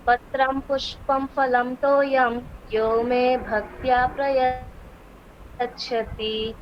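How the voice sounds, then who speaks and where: Female student reciting a verse slowly and carefully, flat level delivery, muffled call audio with faint hiss. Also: sits high.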